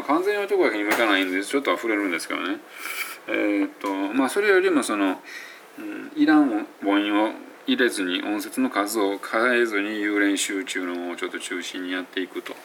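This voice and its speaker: A man's voice: fairly low pitch, vocal fry, a bit bright, a little hiss or hum. A man with a Kansai Japanese accent, teaching English pronunciation in a casual audio blog, rambling and correcting himself as he sounds out example words.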